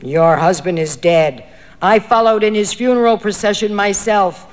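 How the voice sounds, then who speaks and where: A woman reading a story voices a man posing as a demon, speaking in a hollow, booming, threatening way. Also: measured pace, long reverb tail, lightly acted. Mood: persuading.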